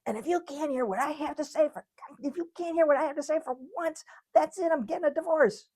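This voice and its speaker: Mujer imitando a una esposa regañona y chillona. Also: female voice, a little fast, warm tone, natural voice. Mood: scolding. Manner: shrill, scolding complaint. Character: nagging, fed-up wife scolding her husband.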